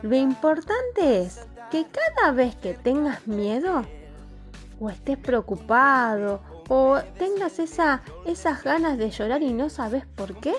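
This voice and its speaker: Woman, Argentine Spanish accent, children's Bible teacher, slow storytelling, faint music in background. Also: sits high. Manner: sing-song, exaggerated expressive storytelling.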